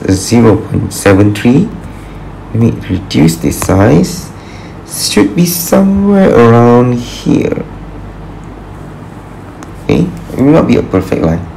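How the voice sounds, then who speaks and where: A man's voice: fairly low pitch, creaky, mellow, a little hiss or hum, rough recording. A man teaching an engineering tutorial over a screen recording, patient and thinking aloud with fillers as he works through problems. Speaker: engineering lecturer.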